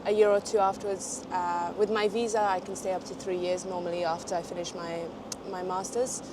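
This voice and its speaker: Interviewed casually outdoors on a city street with traffic behind her, a young graduate student from Portugal speaks English in a British-tinged accent, though French is her first language. Her lowish voice is flat and fairly quick. She chats readily but hesitates, with many fillers and small laughs.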